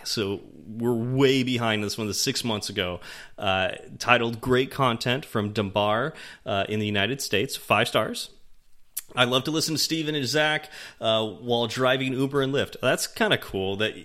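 Bright-voiced chatty male podcast host. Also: lowish voice. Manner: chatty, laughs often, reads listener reviews aloud. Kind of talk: casual podcast chat.

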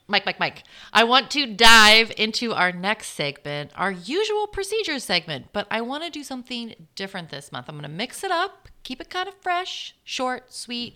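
Brisk, playful woman podcast co-host. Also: medium pitch, fairly bright tone. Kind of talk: educational medical podcast talk.

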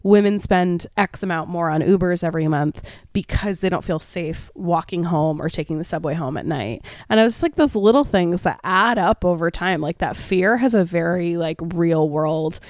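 A woman co-hosting a casual chat, earnest and quick to laugh between points. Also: fairly low pitch, a little mellow, dry recording, studio quality.

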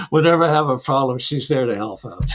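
A middle-aged software developer who grew up in Canada is a guest in a relaxed interview, talking through his answers at a moderate pace and medium pitch. He often stops, repeats a word and starts over, with small chuckles slipped in between points.

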